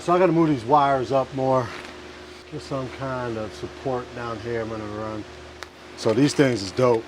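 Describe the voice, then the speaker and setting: A man casually narrating his hands-on work in a vlog, muttering to himself in an offhand way and swearing now and then. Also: medium pitch. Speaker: DIY vlogger. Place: inside a food truck. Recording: clear vehicle and fan noise.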